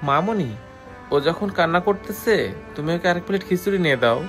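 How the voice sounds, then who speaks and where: A man playing a kind, generous stranger who speaks softly and fatherly to two poor little sisters, in a scripted web drama. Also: high voice, lively intonation, fairly quick, faint music behind. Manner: soft, coaxing, fatherly. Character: gentle, generous adult man, fatherly to children.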